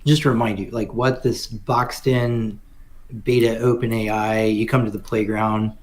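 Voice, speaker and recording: A man's voice: lowish voice, level tone, unhurried. A man co-hosting a coding session, joking and chiming in with suggestions in casual chat.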